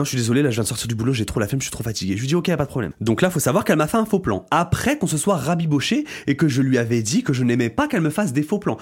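A young man telling stories in a casual slangy monologue, animated and swinging into loud indignation. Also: mid-range voice, slightly rough. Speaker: podcast host.

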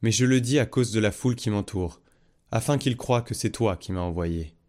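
A man reading the words of Jesus in a solemn, unhurried way. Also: on the low side, a little mellow, natural voice. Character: Jesus, a calm grown man teaching.

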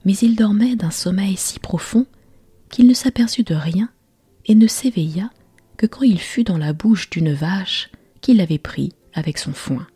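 A woman's voice: mid-range voice, husky, no echo. Woman whispering a bedtime story, whispered role-play. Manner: slow, hushed whispering.

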